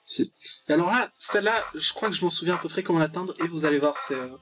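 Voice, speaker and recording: Slightly high and fairly bright, the voice belongs to a young gaming video host who talks fast. He jokes his way through a visual novel with casual, mock-dramatic commentary, muttering asides and reading lines aloud. Clear music plays beneath a dull, lo-fi voice track.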